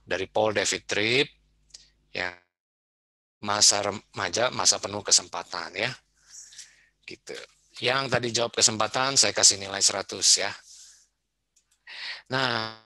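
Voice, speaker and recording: Man, school seminar speaker, addressing parents, forceful bright voice, lowish pitch, dry sound, chatty, questions the audience. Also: dry recording. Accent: Indonesian. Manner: conversational, asks the audience questions. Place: school event room.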